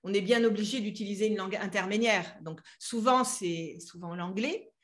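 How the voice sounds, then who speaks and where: A woman from France hosts a friendly interview chat, talking easily with plenty of fillers and laughter. She's a French teacher with a medium-pitched voice and a moderate pace.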